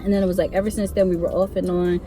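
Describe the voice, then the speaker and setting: A woman's voice: lowish voice, very fast, soft background music. Chatty young woman telling a story. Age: young adult. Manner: chatty, animated, sing-song asides. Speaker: vlogger. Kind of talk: casual storytelling vlog.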